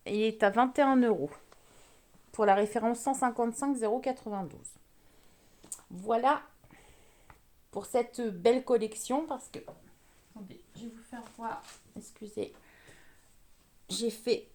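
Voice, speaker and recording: A woman with an English accent leads a card-making lesson at her craft table. Her voice sits fairly high, and she takes her time, chatting and pausing as she works with her hands. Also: darkish tone. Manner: chatty, slow, talks while working with hands. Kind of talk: crafting tutorial.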